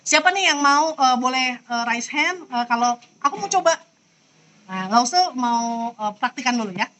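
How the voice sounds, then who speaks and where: Bright, high-voiced woman teaching online. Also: expressive, normal speed, low-quality recording. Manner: patient, demonstrating tones by example. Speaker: Mandarin teacher. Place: online video call. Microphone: computer mic on a video call.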